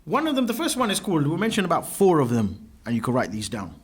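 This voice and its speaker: Animated, high-voiced male teacher. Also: fast talker. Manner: explains terms step by step, checks in with a questioning "yeah?". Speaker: religious teacher. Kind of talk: classroom lecture.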